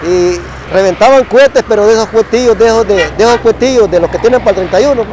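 A middle-aged man with a Salvadoran accent recounts his army days in a casual storytelling style, ending nearly every phrase with a quick "va" and imitating gunshots with his mouth. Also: high-pitched, noisy background. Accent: Salvadoran Spanish. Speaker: former soldier telling a war story.

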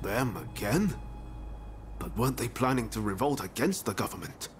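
In a video game cutscene, an actor voices a determined, idealistic young samurai, speaking earnestly, persuasively, and conversationally with a thoughtful mood. His medium-pitched male voice has lively intonation and a moderate pace, lightly acted over soft background music.

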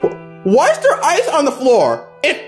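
A woman voicing a calm, parental male cartoon rabbit who is firm but soothing, in a plush puppet show. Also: sits high, measured pace, soft background music, full character voice.

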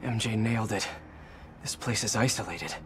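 A man's voice: on the low side, moderate pace, background noise, natural voice. A man playing an earnest, quippy young superhero in a video game, speaking expressively. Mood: focused. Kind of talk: cinematic game voice acting.

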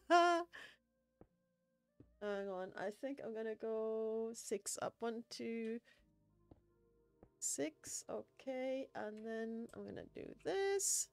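A woman's voice: a little high, slow, gravelly, mellow, faint music behind. A woman streaming a building game, chatting casually, laughing often and poking fun at herself. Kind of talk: casual gameplay chat.

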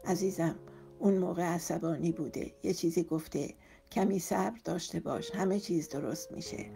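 A woman voicing a worried middle-aged mother who pleads softly and quietly in an audiobook. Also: lowish voice, gravelly, soft background music. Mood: soothing. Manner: soft, hushed and imploring.

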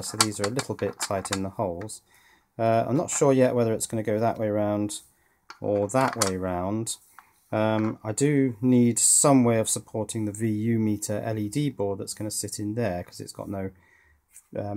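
This electronics project host speaks on the low side with a darkish tone. Working hands-on at an indoor workbench, he chats informally through the build, pausing with some hesitation as he reasons aloud.

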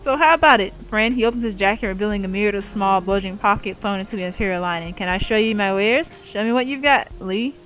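A woman's voice: mid-range voice, fast talker, few pauses, a bit bright, rough recording. A woman playing a role-playing game, reading its narration and every character's lines aloud in her own voice and adding playful asides. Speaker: gaming YouTuber reading game dialogue aloud. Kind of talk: let's play commentary and reading.

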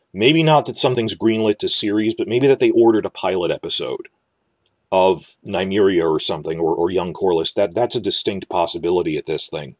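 A man's voice: lowish voice, no room sound. A man from the New York area giving casual solo commentary, rambling and speculative, often restarting his words. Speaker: fantasy TV commentator.

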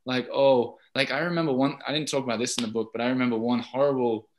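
A man's voice: medium pitch, steady tone, fast, slight background noise. Chatty Australian man on a video call. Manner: rambling, chatty, many fillers. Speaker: podcast host, guest speaker. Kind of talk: casual talk and Q&A on a video call. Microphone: video call mic.

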